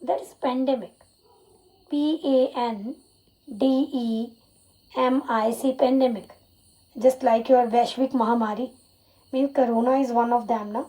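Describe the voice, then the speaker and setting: High-voiced Indian woman teaching vocabulary. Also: fairly even intonation, normal speed, long pauses, mellow, low-quality recording. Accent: Indian English. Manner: spells words letter by letter, mixes in Hindi glosses; repeats "you can say" as a filler. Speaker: English teacher. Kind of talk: exam-prep vocabulary lesson.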